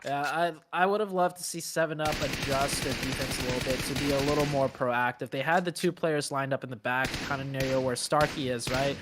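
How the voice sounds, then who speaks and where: A man giving analytical esports commentary in an explanatory, measured way with some fillers. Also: medium pitch, heavy background noise. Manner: explanatory, measured, uses fillers like you know.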